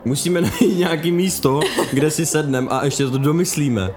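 A young man playing a tabletop game who eagerly plans out loud and often laughs. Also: fairly high pitch. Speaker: player. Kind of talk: casual game chat.

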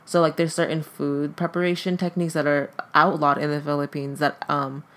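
A podcast guest whose first language is Tagalog chats casually and hesitantly, filling nearly every phrase with "like." The voice is mid-range, a bit bright, with little pitch movement and a slightly fast pace.

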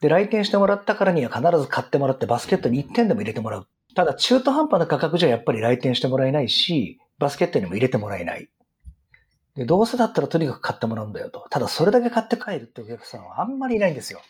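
A middle-aged man with a husky, rough voice explains business strategy in an interview in an earnest, emphatic way. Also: medium pitch, big pitch swings, racing. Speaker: retail business guest expert.

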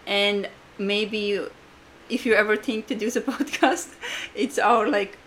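A woman's voice: medium pitch, fairly even intonation, fairly bright tone. Latvian-accented woman podcaster, slightly noisy room tone. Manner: halting, repetitive phrasing in non-native English. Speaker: podcast co-host. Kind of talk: casual conversational podcast talk.

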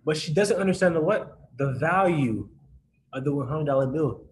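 A man's voice: fairly high pitch, lively intonation, normal speed, rough recording. Man leading a casual Bible study. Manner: casual, checks in with listeners often. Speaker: youth Bible study leader. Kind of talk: informal Bible teaching to a group.

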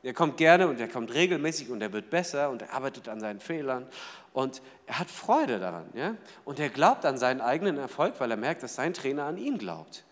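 A man preaching a sermon in a lively way, asking the audience questions and acting out small everyday scenes. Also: mid-range voice, fairly quick, big-room sound. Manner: lively, asks the audience rhetorical questions, acts out little scenes. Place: church hall.

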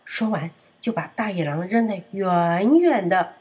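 A woman narrating a children's story in an expressive, sing-song manner. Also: fairly low pitch, measured pace, breathy edge.

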